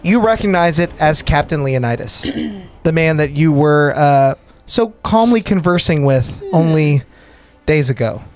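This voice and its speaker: High-voiced man running a tabletop game. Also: animated, a little slow. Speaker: game master. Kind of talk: narrating a tabletop game, conversational. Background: background music.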